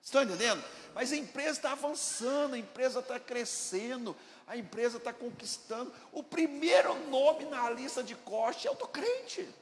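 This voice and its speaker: High-voiced Brazilian pastor preaching in a hall. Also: male voice, lively intonation, normal speed, slight background noise. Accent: Brazilian Portuguese. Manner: emphatic preacher, asks the congregation questions, acts out dialogues. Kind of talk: sermon. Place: church hall. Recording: echoey church hall, faint ambience.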